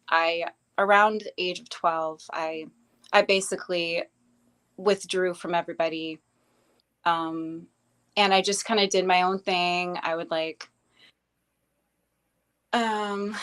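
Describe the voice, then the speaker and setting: A young woman speaks as an interview guest, recounting her childhood in a casual, unhurried way. She hesitates often, filling gaps with ums and starting sentences over. Her voice sits at an ordinary middle pitch. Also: a bit bright, smooth. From grew up in Bangladesh, later Canada. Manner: hesitant, many ums and restarts. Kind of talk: casual personal storytelling.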